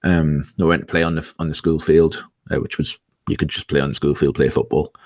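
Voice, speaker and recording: Very low-voiced man in his forties. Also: steady tone, a little mellow, no room sound, clean studio sound. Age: 40s. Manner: rambling storyteller, halting restarts, laughs often. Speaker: podcast co-host. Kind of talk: casual chat.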